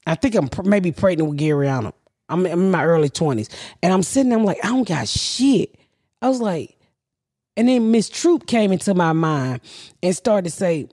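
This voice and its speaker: A woman's voice: medium pitch, a little mellow. A middle-aged woman spins long, rambling stories with blunt, profane humor. She speaks into a handheld mic on a living-room couch. The sound is dry and close, with little room echo. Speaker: podcast host. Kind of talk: casual storytelling chat. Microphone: handheld mic with headphones.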